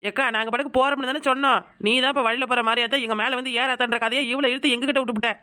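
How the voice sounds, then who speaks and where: A woman's voice: sits high, fairly even intonation, racing, pushed and bright. A woman voicing an offended woman guest from the neighborhood in a Tamil cartoon. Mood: resentful. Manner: grumbling, resentful.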